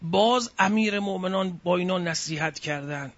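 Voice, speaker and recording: A man preaching a sermon in a high, bright voice, telling the story with feeling and breaking into sighs and cries. The recording is dull and muffled, like an old lo-fi tape.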